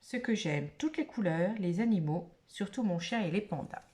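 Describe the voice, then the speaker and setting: A woman's voice: medium pitch, expressive, moderate pace, mellow. A woman vlogger opening craft mail in a casual chat to camera, gushing and exclamatory, full of little fillers.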